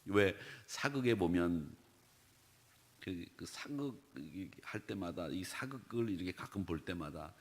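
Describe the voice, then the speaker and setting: Animated male pastor with a lively, swinging voice. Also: measured pace. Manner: animated, acts out quoted speech with big swings in pitch and loudness; conversational, asks the congregation rhetorical questions. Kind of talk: dawn prayer sermon.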